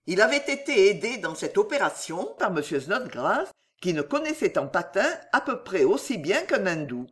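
Expressive woman narrating a classic novel. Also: mid-range voice, moderate pace. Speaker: audiobook narrator. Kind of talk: scripted narration.

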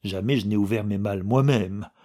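A man voicing a proud, distraught noble widow who wails and sobs out her grievances in high-strung outbursts. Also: a little fast, mellow, close to an everyday voice. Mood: wailing.

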